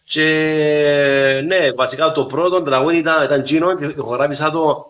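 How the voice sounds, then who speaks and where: A man with a Greek Cypriot accent, a musician being interviewed, talking casually and haltingly with English words mixed into his dialect. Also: a little high, steady tone, a bit bright. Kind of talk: casual chat.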